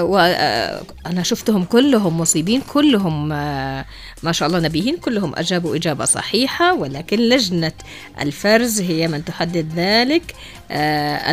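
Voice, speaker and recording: A woman with a Yemeni Arabic accent presenting a live radio prize draw as its host, with emphatic, celebratory announcing. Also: lowish voice.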